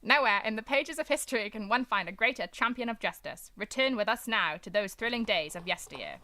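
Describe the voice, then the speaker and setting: A woman's voice: a little high, animated, a little fast, pushed and bright. A woman playing an earnest old-time western radio announcer, reading scripted narration in a declamatory way. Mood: rousing. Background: music.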